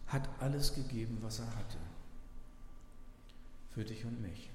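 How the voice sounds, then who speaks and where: A man preaching a sermon as pastor, earnest, slowing down to stress scripture he reads aloud. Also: mid-range voice, a little hiss or hum. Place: church. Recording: echoey church hall with faint ambience.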